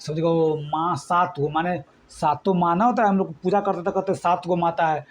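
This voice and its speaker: A man's voice: on the high side, steady tone, moderate pace, a little hiss or hum. A man from eastern India, teaching an exam-prep lesson with memory tricks. He talks colloquially and keeps quizzing his students.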